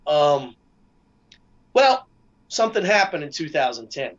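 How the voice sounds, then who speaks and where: A man talking casually as a guest, halting often with fillers and restarts. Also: on the high side, big pitch swings, dull audio. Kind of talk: casual discussion.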